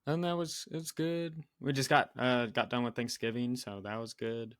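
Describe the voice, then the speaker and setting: A man's voice: mid-range voice, fairly even intonation, normal speed, a bit bright, no room sound, clean studio sound. A young man co-hosting a casual podcast, talking in a laid-back, hesitant way with many fillers. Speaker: podcast co-host. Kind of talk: casual banter.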